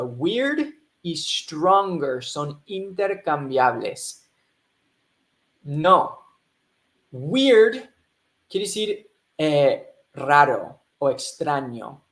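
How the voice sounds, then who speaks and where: Man, live online English teacher, upbeat, mixes in English, higher voice, unhurried delivery. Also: fairly bright tone. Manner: upbeat, switches between Spanish and English, reads viewer chat. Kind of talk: live online language class.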